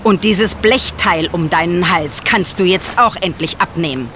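A woman's voice: on the low side, unhurried, background noise, close to an everyday voice. An actress in a German audio drama playing a scheming villainess, sneering and impatient as she orders a dim henchman around. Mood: scornful, commanding.

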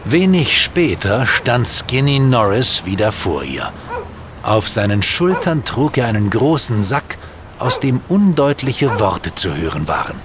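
A male narrator with lively, varied intonation reads scripted audio drama narration. There is clear noise in the background. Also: medium pitch, a little slow.

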